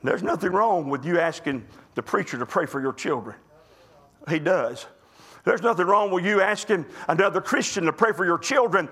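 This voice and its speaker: A man preaching a sermon as pastor, emphatic, swinging between loud urgent pleading and low quiet asides. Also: normal speed, breathy edge.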